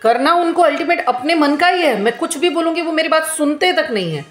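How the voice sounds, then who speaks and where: A woman's voice: high voice, expressive, fairly quick, reverberant, soft background music. A woman in her thirties venting to camera at home, complaining in an aggrieved, repetitive way. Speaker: vlogger.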